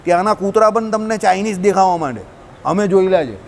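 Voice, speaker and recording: A man's voice: high-pitched, fast, slight background noise. A man with a Gujarati accent giving an informal scripture talk to a group, often checking with listeners by asking questions. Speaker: religious discourse teacher.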